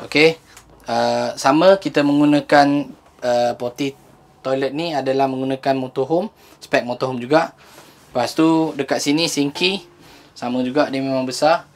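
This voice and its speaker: A motorhome dealer in his thirties, with a Malaysian Malay accent, gives a casual walkthrough tour vlog, starting outdoors by a bus and then moving inside the motorhome to explain its features. He mixes English words into his speech, and his medium-pitched voice is steady at a moderate pace. It's recorded on a lapel mic.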